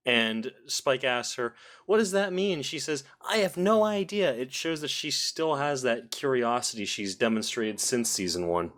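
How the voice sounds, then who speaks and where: A man's voice: mid-range voice, a bit bright. A man co-hosting a casual review discussion, amused and thoughtful. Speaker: podcast co-host.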